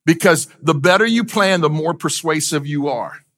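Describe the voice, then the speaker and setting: Male pastor, middle-aged, slightly high voice; conversational sermon with questions to the congregation. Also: moderate pace, fairly bright tone. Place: church.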